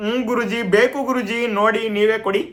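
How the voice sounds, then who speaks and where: Man doing a high whiny village mother, pleading, noisy home video. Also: steady tone, quick pace. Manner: whiny pleading, repeats "guruji". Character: fussy village mother seeking a son. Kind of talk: comedy skit acting.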